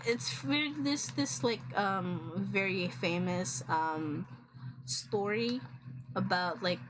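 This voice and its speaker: A young woman with a Filipino accent, whose first language is a regional Philippine one, chats casually while drawing on a stream. Her mid-range voice moves slowly, with many fillers and restarts, over background noise.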